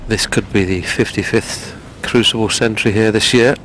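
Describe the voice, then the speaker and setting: A man's voice: fairly low pitch, fairly even intonation, normal speed, a bit bright. Male snooker co-commentator over background noise. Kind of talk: hushed conversational sports commentary.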